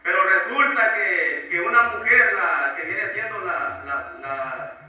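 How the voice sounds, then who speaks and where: High bright voice, guy preaching his testimony all fired up, echoey church hall, mic kinda far. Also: slow. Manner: fervent, repeats "¿verdad?" and "hermano". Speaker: church member giving testimony. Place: church sanctuary.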